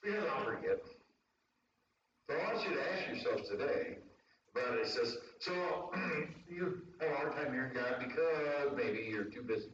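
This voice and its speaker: A man's voice: mid-range voice, lively intonation, normal speed, a bit bright. Lay preacher, male, folksy storyteller; very echoey room, distant dull mic, faint hiss. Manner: homespun, rambling storyteller who laughs at his own jokes. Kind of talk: folksy sermon with jokes.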